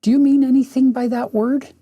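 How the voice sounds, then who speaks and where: A sly underworld witch queen who coos and coaxes her listeners, as a man reads her lines aloud. Her voice is soft and lilting, pitched well above his usual speaking voice, in the manner of a storybook read-aloud. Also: fairly even intonation, fairly quick, breathy edge, full character voice. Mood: coaxing. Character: cooing manipulative female underworld queen.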